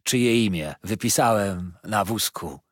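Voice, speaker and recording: A man voicing a kindly, bedridden old man who complains slowly about his illness. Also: fairly low pitch, no room sound, clean studio sound. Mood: plaintive, fond. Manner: complaining, slow and plaintive.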